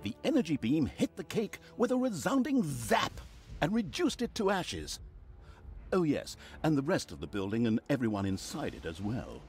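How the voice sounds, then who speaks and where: A man's voice: on the high side, very animated, moderate pace, darkish tone, soft background music. A man voicing a sardonic game narrator who tells the story with mocking, theatrical asides. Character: sardonic male narrator who gloats over evil deeds.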